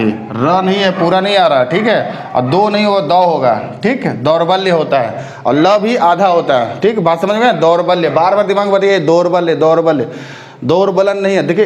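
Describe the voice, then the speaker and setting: A man with a high-set voice teaches a spelling lesson for exam candidates. He repeats each word several times and keeps checking that his students follow along. The sound carries a noticeable room echo. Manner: drills correct forms, repeating words with frequent check-ins.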